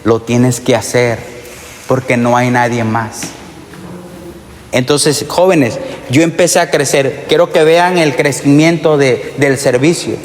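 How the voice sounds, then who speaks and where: Male preacher, earnest testimony sermon, talks straight to the youth, mid pitch, long church reverb. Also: takes it slowly, slight background noise. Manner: earnest, addresses the youth directly with calls for amen. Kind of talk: testimony sermon to young people. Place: church sanctuary.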